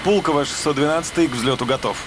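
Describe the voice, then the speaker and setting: A brisk airliner co-pilot acted by a man talks fast in clipped phrases. Heavy noise surrounds the voice in this documentary reenactment. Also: on the high side, lightly acted. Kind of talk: cockpit radio dialogue in documentary reenactment. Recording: very noisy cockpit sound.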